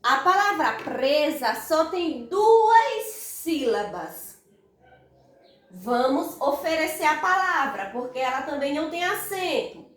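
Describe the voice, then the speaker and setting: A primary school teacher with a Brazilian Portuguese accent gives young children a grammar lesson in a high, very animated, slow voice. She draws out stressed syllables in sing-song calls, sounding far from the mic in an echoey room.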